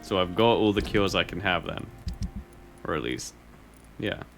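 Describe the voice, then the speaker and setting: A man's voice: deep voice, expressive, a little slow, vocal fry, a bit bright, slight background noise. Wry, muttering young man streaming a game. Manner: wry, rambling, mutters to himself. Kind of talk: casual let's-play commentary.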